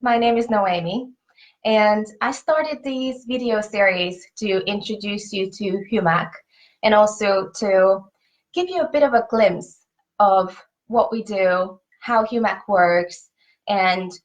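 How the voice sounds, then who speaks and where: A woman's voice: medium pitch, dull audio. A woman with a Hungarian accent, a native Hungarian speaker, explains her family pet supplement business to camera in an earnest, conversational way, often repeating words as she searches for them.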